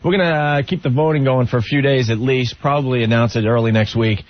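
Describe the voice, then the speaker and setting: A man's voice: medium pitch, fairly even intonation, fast. A man co-hosting a radio show, chatting breezily and deadpanning through a prank phone call. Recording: dull radio aircheck.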